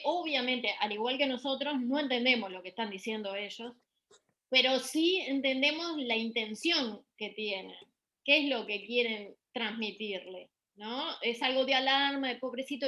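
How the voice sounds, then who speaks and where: A woman's voice: sits high, bright, forceful tone, highs cut off. A middle-aged woman giving a university lecture on music therapy, explaining patiently with fillers and restarts.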